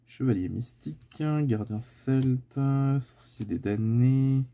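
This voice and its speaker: A man with a French accent calmly reads card names aloud as he sorts a collection. His voice is very dark and mellow, and he takes an unhurried pace. The recording sounds a little dull and lo-fi. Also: medium pitch. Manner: reels off card names one after another. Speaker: card collector listing cards. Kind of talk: casual card-sorting vlog.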